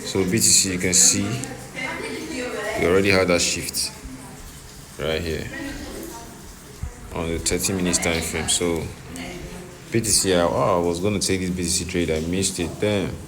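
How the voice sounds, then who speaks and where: A man's voice: low voice, steady tone, moderate pace, long pauses, over music. A man giving casual trading commentary, repeating his phrases and checking that the listener follows. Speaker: trading vlogger. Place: on location, partly in a noisy hospital. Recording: noisy background, uneven level.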